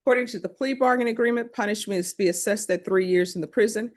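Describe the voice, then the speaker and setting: A woman judge presiding in a courtroom, running through formal legal admonishments in a brisk, practiced way. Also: medium pitch. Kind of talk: courtroom proceedings.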